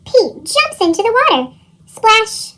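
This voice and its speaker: Reading picture books for children, a woman sounds very animated yet keeps a measured pace, her tone a bit bright. Her expressive voice is sped up with a chipmunk pitch effect.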